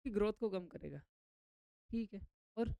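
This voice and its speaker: A woman teaching biology speaks in a mid-range voice that is animated, creaky, mellow and smooth, at a measured pace with no echo. Throughout the lesson she poses questions to the class, echoes the answers back, and blends in English terms.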